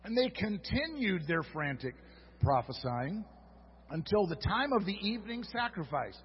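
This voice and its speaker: In a church sanctuary, a very animated pastor with a high voice speaks at normal speed, retelling a story during his sermon and adding funny asides for the congregation. The recording sounds dull, with long hall reverb and some hiss or hum.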